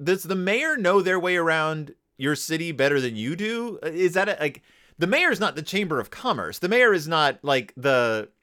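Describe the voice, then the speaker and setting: A man in his thirties hosts a comedic book-review podcast. His voice sits a little high and bright, and it swings up and down as he rambles through digressions and restarts his sentences. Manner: rambling, digressive, self-correcting. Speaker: podcast host.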